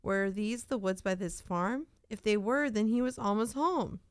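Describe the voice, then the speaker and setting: A woman who works as a preschool teacher, reading a children's picture book aloud in an animated, unhurried storytelling way. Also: mid-range voice, smooth, dry recording, clean studio sound.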